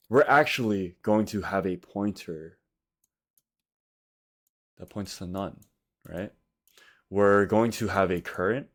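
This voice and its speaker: A man in his twenties with a slight lisp from wearing a retainer, giving a casual coding tutorial in informal, slangy, broken phrases. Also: on the low side. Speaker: tutorial host.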